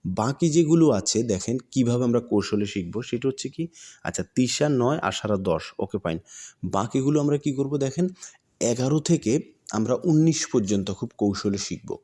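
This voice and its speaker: A man's voice: mid-range voice, animated, moderate pace, mellow. A man giving a video language lesson who keeps asking questions and answering them himself, repeating each step and slipping English words into his speech. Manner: repetitive, questions and answers his own prompts. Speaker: language teacher.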